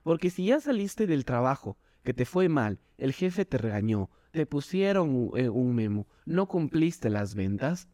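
A man, a doctor and Zumba instructor, talking with animated energy in a podcast interview, acting out quotes in a higher voice. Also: no echo, clean studio sound. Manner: animated, jumps in pitch when quoting people. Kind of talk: enthusiastic interview talk.

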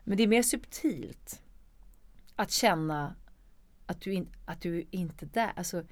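A woman's voice: fairly low pitch, expressive, no room sound. A woman actor and producer talking candidly in an interview, emphatic and swearing freely.

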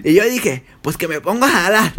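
A man's voice: high-pitched, expressive, a little fast, a crowd in the background. A man voicing a crude, boozy father, swearing and rambling. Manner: swearing, rambling, laughing through lines. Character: crude boozy father with mock Spain accent.

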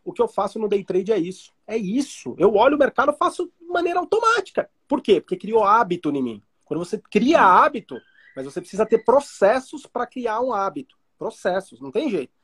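Husky, animated Brazilian man explaining. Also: high voice, brisk. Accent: Brazilian Portuguese. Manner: animated, explains through everyday analogies. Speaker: day trading teacher. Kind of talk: casual podcast chat.

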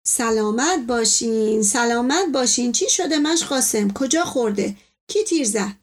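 A woman's voice: on the high side, lively intonation. A woman doing a courteous old doctor. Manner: slow, courteous, repeats pleasantries. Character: polite old male doctor, calm and formal.

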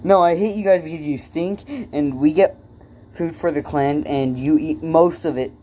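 A man's voice: a little high, moderate pace, dark tone, a little hiss or hum, pitched above the performer's own voice, close to an everyday voice. A man voicing a grumpy, insulting old male cat elder in a made-up story. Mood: scornful. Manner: rude, scornful.

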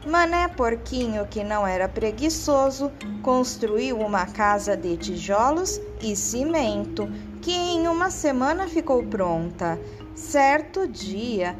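A woman narrating a children's story in a gentle storytelling manner. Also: fairly high pitch.

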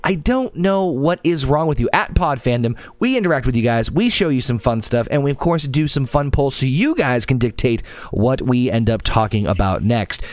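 A man's voice: medium pitch, expressive, normal speed, hardly any pauses, dry recording. A man hosting a casual podcast, talking in long, rambling runs full of fillers. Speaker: podcast host.

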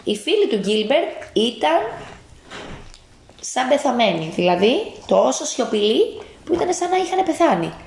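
A woman's voice: on the high side, big pitch swings, creaky, a little mellow, reverberant, a little hiss or hum. A woman at home reading a picture book aloud to a child, stopping often to ask questions.

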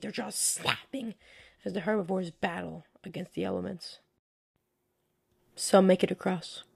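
A woman hosting a podcast in the style of a scripted nature documentary, with earnest, descriptive and measured storytelling. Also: fairly low pitch, gravelly, a little mellow, slightly rough. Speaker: podcast host.

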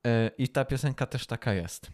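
A man's voice: medium pitch, normal speed, a little mellow. Chatty man in mid-range voice. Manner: chatty, explaining and joking. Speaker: podcast co-host. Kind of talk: casual improvised chat.

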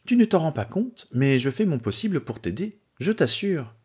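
A man reading aloud, voicing a teasing young wife and mother who mocks her husband gently. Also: very animated, moderate pace, husky, heavily acted. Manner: raised pitch, dry teasing.

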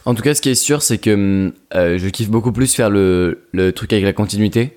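A young man with a somewhat low voice talks casually on a podcast. He is relaxed, pauses often and fills the gaps with hesitations. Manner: relaxed, hesitant, many fillers. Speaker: podcast co-host.

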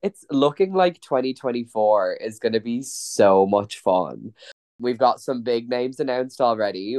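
A man's voice: mid-range voice, darkish tone. A man hosting a podcast, chatting in a friendly, upbeat way with his co-host. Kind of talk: casual podcast chat.

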